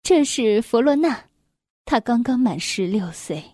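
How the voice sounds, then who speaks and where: A woman voicing a grieving, gentle middle-aged queen in a children's story, speaking softly and slowly with a sorrowful delivery. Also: a little high, animated, no echo, clean studio sound.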